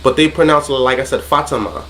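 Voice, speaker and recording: Haitian-born male co-host, a bit high-voiced, jokey storyteller, faint hiss behind. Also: brisk, fairly bright tone. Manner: joking, laughs often, storytelling. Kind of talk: casual group chat on a video call.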